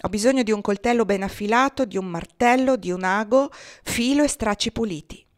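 A woman voicing a pale but determined young woman, calm, firm and businesslike. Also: mid-range voice, brisk, natural voice.

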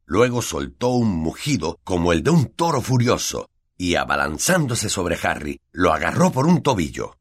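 A man with a Latin American Spanish accent narrating a fantasy audiobook in an expressive storytelling manner. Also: low-pitched, moderate pace, husky. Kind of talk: scripted narration.

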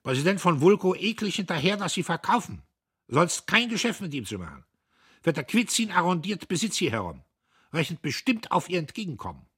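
A man's voice: sits high, big pitch swings, fairly quick, a bit bright, slightly rough, pitched above the performer's own voice, exaggerated voice. A man voicing a brusque retired army lieutenant who barks in clipped, telegraphic fragments. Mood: barking.

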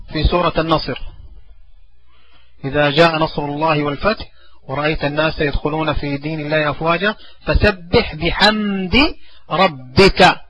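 A man teaching a religion class, his voice bright and a little higher than most. He asks a question, gives the answer himself, then says the verse again slowly so the pupil can follow. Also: husky, rough recording. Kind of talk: classroom lesson.

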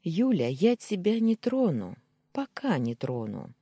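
A reader voicing a calm, possessive, domineering man in an audiobook, in a husky, soft-spoken way. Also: mid-range voice, measured pace, no room sound, clean studio sound, voice pushed up, exaggerated voice. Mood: insistent. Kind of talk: audiobook dialogue reading.

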